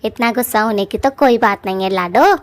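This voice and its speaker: A woman's voice: medium pitch, a little fast, natural voice. A woman voicing a fussy, gossipy middle-aged mother in a cartoon, nagging in rustic folksy speech.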